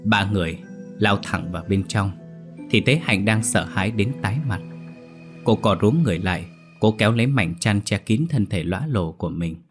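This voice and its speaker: A man narrating a dark horror story in a vivid, expressive storytelling manner. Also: fairly low pitch, normal speed. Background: soft background music.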